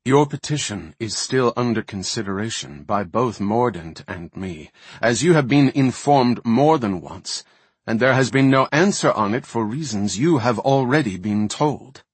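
A man voicing a stern, ancient male elf archdruid who speaks in a grave, reproachful, measured way, with a husky voice. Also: mid-range voice, lively intonation, no room sound.

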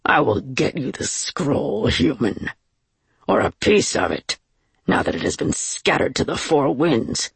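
A towering, impatient oni demon, as a woman narrator puts him on, speaks in a deep, rumbling growl. His voice is gravelly and raspy, and it swoops widely in pitch. The sound is dry and close. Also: very animated, unhurried, no room sound, exaggerated voice. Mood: ominous. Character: huge menacing male oni demon, impatient. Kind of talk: audiobook character voice.

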